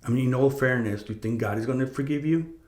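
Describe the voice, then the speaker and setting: A man's voice: mid-range voice, quick pace, a little mellow. A middle-aged man telling a personal story in a casual, rambling way, with frequent swearing, fillers and restarts. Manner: conversational, profane, many fillers and restarts. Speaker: podcast host. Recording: roomy echo.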